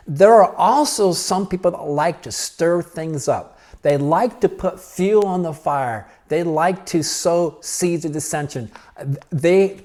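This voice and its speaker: An older man preaching as a pastor in an earnest, conversational way, slowing down for emphasis and sometimes restarting his phrases. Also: on the high side, darkish tone. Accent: Pacific Northwest American. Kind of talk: sermon.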